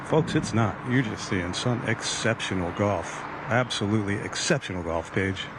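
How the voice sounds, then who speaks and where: Male golf commentator, lowish voice, analytical and emphatic live commentary, clear outdoor noise behind. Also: moderate pace.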